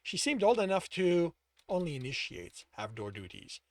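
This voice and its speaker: A man reading as a thoughtful, observant adventurer in a fantasy audiobook, with a slightly high, lively delivery. The sound is dry and close. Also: normal speed, no echo.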